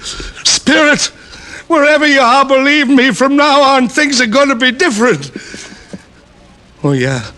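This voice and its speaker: Excitable high-pitched old Scrooge. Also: male voice, unhurried, pauses often, exaggerated voice. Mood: relieved, grateful. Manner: stammering, excitable, streetwise slang. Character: old miser Scrooge, frightened then giddily repentant, wisecracking. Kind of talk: old-time radio drama acting. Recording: vintage radio recording, loud music behind.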